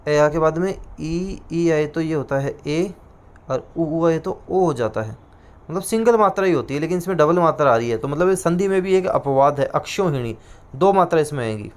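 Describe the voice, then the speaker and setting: A male teacher with a Rajasthani Hindi accent giving an exam-prep lecture, repeating each answer slowly as if dictating terms. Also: on the high side, expressive.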